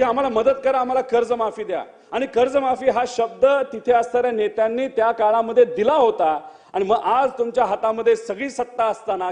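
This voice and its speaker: A man's voice: high voice, darkish tone. A male legislator giving an earnest floor speech, pleading with the chair again and again. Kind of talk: assembly speech. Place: state legislative assembly chamber. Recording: long reverb of a large assembly hall.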